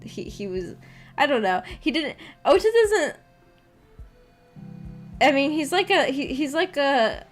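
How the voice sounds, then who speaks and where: Her voice sits high and sing-song, and she takes it slowly with long pauses. The woman, a streamer hosting a visual novel book club, chats hesitantly and giggles as she rambles in reaction to viewer comments, backed by music.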